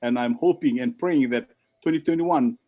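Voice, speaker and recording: An older man from Fiji giving a halting toast on a video call, with many fillers and restarts. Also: mid-range voice, highs cut off.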